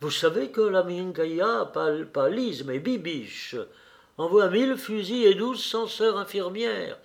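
A man's voice: high-pitched, expressive, takes it slowly, vocal fry, pitched above the performer's own voice, exaggerated voice. A man voicing a cheerful, talkative middle-aged nobleman who speaks eagerly and effusively in a read novel.

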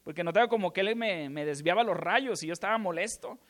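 Man, Mexican accent, preacher, passionate sermon, bright forceful tone. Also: high-pitched, brisk. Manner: impassioned testimony, swinging from hushed to shouting.

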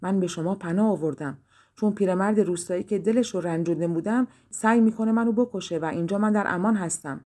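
A woman's voice: mid-range voice, dark tone, natural voice. Earnest enchanted young man, as a woman reads him.

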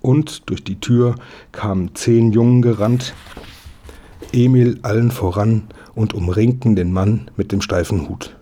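A man narrating a storybook in a steady, expressive reading. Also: fairly low pitch, measured pace, slight background noise. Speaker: audiobook narrator.

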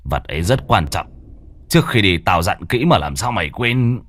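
A man voicing a frightened older father who stammers and shouts back at a demon. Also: lowish voice, very animated, moderate pace. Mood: fearful. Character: frightened older father clutching a Buddha statue.

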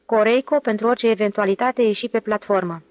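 A woman narrating an audiobook novel in an even, clear reading style. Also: mid-range voice, dry recording. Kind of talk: scripted narration.

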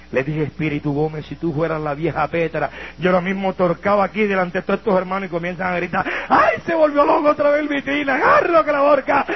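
Dramatic Colombian preacher, high gravelly voice. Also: male voice. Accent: Colombian Spanish. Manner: dramatic storytelling, acting out voices and shouting prayers. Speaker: evangelical preacher. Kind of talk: testimony sermon. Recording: dull lo-fi sermon recording with faint hum.

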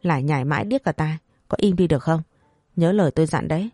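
A narrator voicing a sly, bossy peasant husband, talking quickly. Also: medium pitch, darkish tone, dry recording, studio quality, lightly acted. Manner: bossy, crafty, brusque.

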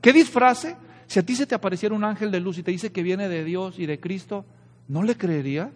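High-voiced man preaching in a reverberant hall. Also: fairly quick. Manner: lively preaching, frequent rhetorical questions to the congregation. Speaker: pastor. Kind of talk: sermon.

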